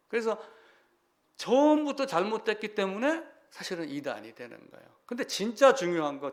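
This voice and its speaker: A male pastor preaching a sermon in a lively, animated way, acting out people crying out to God. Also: on the high side, vocal fry.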